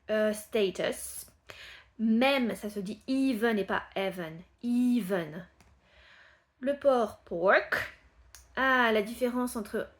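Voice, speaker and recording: A woman whose first language is French, teaching English pronunciation. She repeats each word patiently and drops into soft asides when she explains. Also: on the high side, vocal fry. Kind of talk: pronunciation lesson.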